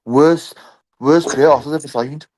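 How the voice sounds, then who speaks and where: A man's voice: a little high, moderate pace, a little mellow, low-quality recording. Blunt man ranting about football. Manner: blunt, swears, calls out scores. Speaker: co-host of a football reaction stream. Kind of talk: casual football chat.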